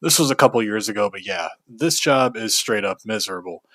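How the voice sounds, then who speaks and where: Low-voiced young man venting, casual. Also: lively intonation, brisk, pushed and bright, no echo. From Kentucky. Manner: frank, venting, with fillers and cursing. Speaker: video host. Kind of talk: casual storytelling monologue.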